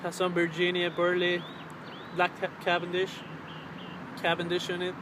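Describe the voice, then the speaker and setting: Guy in his 20s vlogging outside, kinda flat voice, hesitant, casual, noisy traffic background. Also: sits high. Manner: hesitant, halting, searching for words. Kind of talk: casual chat to camera. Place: outdoors on a riverbank under a road bridge. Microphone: camera's built-in mic at arm's length. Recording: clear outdoor traffic and ambient noise.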